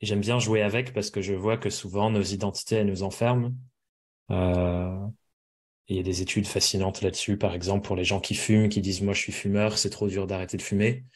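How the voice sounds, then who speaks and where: A man with an English accent talks as an interview guest. His voice sits low, and he lays out his ideas in a reflective, conversational manner. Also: level tone, a little fast. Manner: reflective, explanatory. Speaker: podcast guest.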